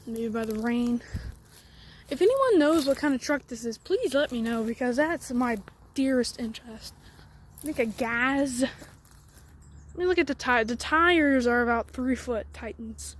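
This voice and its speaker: A woman hosting a casual walkaround vlog outdoors in the woods. She rambles in a chatty way and sometimes drops to near-whispers. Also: sits high. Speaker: garage channel host. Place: outdoors in woods by an old truck.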